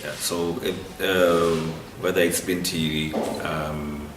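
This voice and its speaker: A man with a Kenyan accent answering interview questions conversationally, in a halting way with repeated phrases. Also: sits low, level tone. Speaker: interviewee, literary blogger. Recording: distant, echoey, noisy room.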